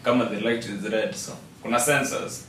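A man's voice: on the low side, steady tone, moderate pace, a bit bright. A young Kenyan man chatting casually and explaining things, switching between Swahili and English with a Kenyan accent. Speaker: podcast co-host. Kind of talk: casual chat. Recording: echoey room, distant mic, faint noise.

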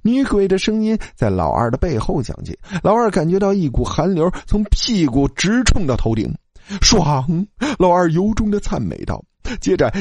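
A man narrating a comic ghost story in a lively, animated storytelling manner. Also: fairly high pitch, breathy edge, no echo.

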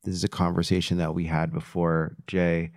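A man in a casual podcast roundtable, speaking in a measured, reflective way. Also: low voice, completely flat delivery, no echo, clean studio sound.

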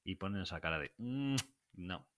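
A man's voice: sits low, expressive, normal speed, lo-fi sound. A man co-hosting a podcast, teasing his partner and rambling through stories. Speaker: podcast co-host. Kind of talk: casual chat.

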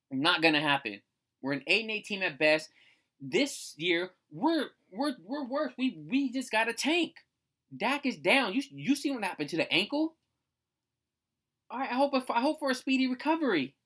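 A woman's voice: mid-range voice, a bit bright. A woman from the United States hosting a casual solo rant, blunt and profane, repeating herself for emphasis.

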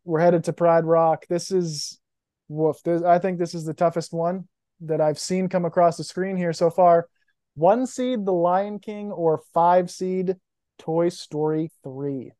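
Young man, podcast co-host, casual emotional chat, mellow tone, dry close sound. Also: a little high, measured pace, no room sound. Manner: emotional, enthusiastic about films.

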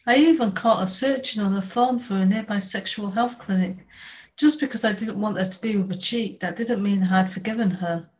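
Woman reading a novel aloud, steady and measured, medium pitch. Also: poor audio. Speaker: audiobook narrator. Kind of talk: scripted first-person audiobook narration.

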